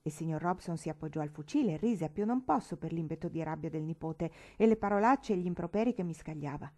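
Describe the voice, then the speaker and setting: A woman reading a classic novel aloud as an audiobook, narrating in first person in a measured, expressive way. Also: low voice. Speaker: audiobook reader.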